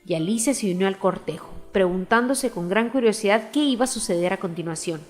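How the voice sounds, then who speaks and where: A woman narrating a storybook aloud in a measured, expressive reading. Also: mid-range voice, big-room sound, soft background music. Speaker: audiobook narrator.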